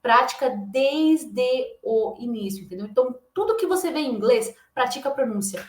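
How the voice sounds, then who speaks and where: A woman's voice: high voice, animated, moderate pace, reverberant. A woman with a Brazilian Portuguese accent, teaching an online lesson in an emphatic, insistent way and tagging her sentences with little questions. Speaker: English teacher.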